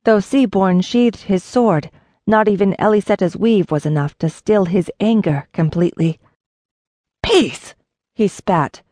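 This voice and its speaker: A young adult woman reading a fantasy romance audiobook in a measured, expressive way, voicing the dialogue. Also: medium pitch, no echo, clean studio sound. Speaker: audiobook narrator. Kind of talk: scripted fantasy romance narration. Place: dry recording booth. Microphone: close studio mic.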